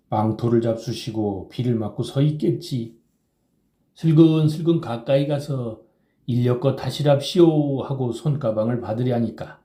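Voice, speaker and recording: A man voicing a drunk, boisterous middle-aged rickshaw puller who shouts and slurs in an audiobook reading. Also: medium pitch, echoey room, pitched above the performer's own voice, close to an everyday voice. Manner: loud, slurring drunken shouting.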